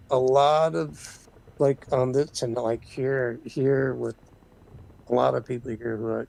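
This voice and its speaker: A man's voice: mid-range voice, vocal fry, darkish tone, poor audio. A man hosting a casual spiritual chat, rambling with many restarts and trailing off.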